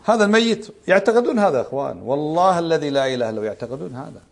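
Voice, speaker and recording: Fast-talking man teaching a religious lesson. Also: fairly high pitch, very animated, creaky. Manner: conversational, quizzes listeners with rhetorical questions. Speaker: Islamic scholar teaching a book.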